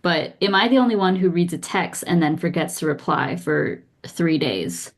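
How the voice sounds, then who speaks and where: A woman co-hosting a casual podcast, chatty and quick to laugh, with many filler words. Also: fairly low pitch, animated. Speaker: podcast co-host. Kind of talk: casual chat.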